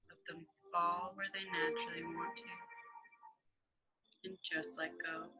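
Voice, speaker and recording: A woman leading a guided meditation slowly and soothingly, in a soft, breathy near-whisper right by the ear. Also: fairly low pitch, little pitch movement, low-quality recording. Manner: slow, soothing, with long pauses. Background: relaxation music.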